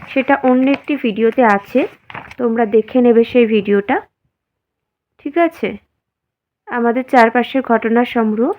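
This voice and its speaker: A woman teacher who is feeling unwell explains a science lesson slowly and simply, asking her students questions and answering them herself. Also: fairly high pitch, muffled recording. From West Bengal, India. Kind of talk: slow, simple classroom explanation.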